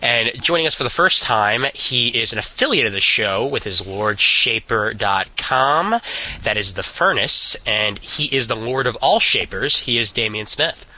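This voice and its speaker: A man's voice: mid-range voice, expressive, unhurried, bright, forceful tone, low-quality recording. A man in his twenties with a Brooklyn accent, casually hosting a podcast. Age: 20s. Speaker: podcast host.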